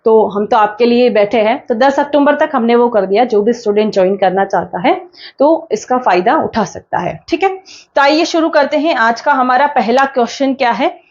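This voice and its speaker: A woman teaching an online exam-prep class, explaining slowly, repeating points, and asking and answering her own questions. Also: fairly high pitch, dull audio.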